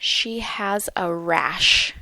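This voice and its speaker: A woman teaching English vocabulary, speaking slowly and carefully and repeating words for learners. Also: lowish voice, bright, forceful tone, dry recording. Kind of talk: slow, clear vocabulary lesson.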